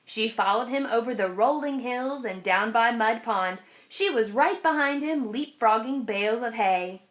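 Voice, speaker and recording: A woman brings a children's picture book to life through expressive narration. She doesn't rush, and her voice leans high.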